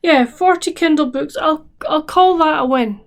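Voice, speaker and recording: A woman's voice: high-pitched, moderate pace. A woman chatting casually as a book vlogger, rambling with restarts and fillers, sounding tired. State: tired, yawning. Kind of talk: casual chat to camera.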